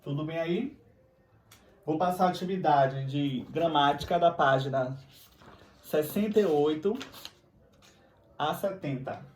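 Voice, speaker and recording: Recorded in an echoey room with the mic at a distance and slight background noise, a Brazilian Portuguese–accented man teaches grammar, patient and frequently checking on his students. He talks in an unhurried way, pausing often, with a fairly high, slightly mellow voice.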